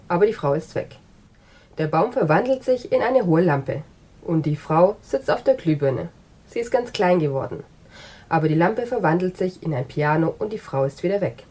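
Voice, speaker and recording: Husky woman reading a story. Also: on the low side, darkish tone. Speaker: narrator. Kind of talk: reading an absurdist short story.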